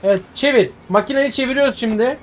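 Excitable, cursing man streaming a game. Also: extremely high pitch, fast, a little hiss or hum. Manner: excitable, swears and yells at the game. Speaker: gaming streamer. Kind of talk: live gameplay commentary.

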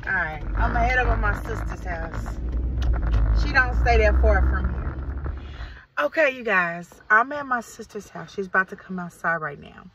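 A woman's voice: medium pitch, expressive, normal speed, distant mic. A middle-aged woman with a Midwestern American accent, chatting to viewers in a rambling, casual vlog. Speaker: vlogger. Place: inside a parked car. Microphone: phone held at arm's length. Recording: muffled phone audio with light car noise.

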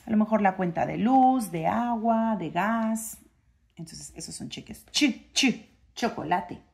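A woman reads a children's letter book aloud. She sounds out each letter in a sing-song voice and draws out the sounds. Her pitch sits in an ordinary middle range. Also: measured pace, creaky, mellow. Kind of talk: reading a phonics book to a child.

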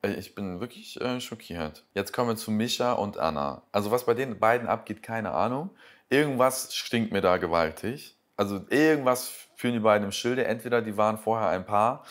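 Man, slightly low voice, sarcastic exasperated reaction commentary, rambling. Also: brisk.

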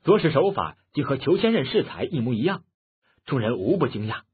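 A man narrating a martial-arts novel audiobook in an expressive storytelling manner. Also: mid-range voice, a little fast, slightly rough. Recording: muffled phone-like lo-fi audio.

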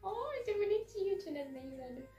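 A young woman hosting a casual live reaction, excitable and dramatic, often dropping to soft murmurs. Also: very high voice, normal speed, highs cut off. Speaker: reaction video host. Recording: echoey room with faint music.

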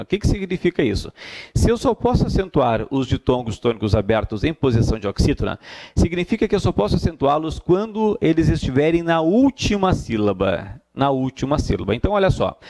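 A man's voice: a little high, a little mellow. A man with a Brazilian Portuguese accent teaching an exam-prep grammar lesson, emphatic, repeating key points and answering his own questions.

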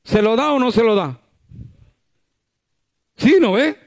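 High-voiced preacher. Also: male voice, animated, slow, vocal fry. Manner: conversational preaching with rhetorical questions and acted quotes. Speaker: pastor. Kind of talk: sermon. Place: church service.

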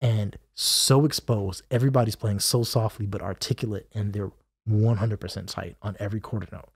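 A man guest on a podcast, telling a casual story with animated delivery, acting out other people's lines and scatting melodies. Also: fairly low pitch, fairly quick, vocal fry, breathy edge, dry recording, studio quality. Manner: animated, acts out quotes and scats melodies. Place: podcast recording.

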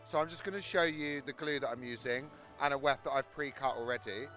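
A man in his thirties with a South London accent explains his hairdressing work and demonstrates technique, interviewed on a handheld mic backstage at a large exhibition hall. His medium-pitched voice is fairly quick, bright and forceful, over soft background music.

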